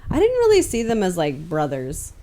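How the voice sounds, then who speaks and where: A woman with a lowish voice co-hosting a casual podcast chat. She wonders aloud and laughs often. A clear hiss of noise sits under the recording. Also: wildly swooping pitch, normal speed, dark tone. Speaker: podcast co-host.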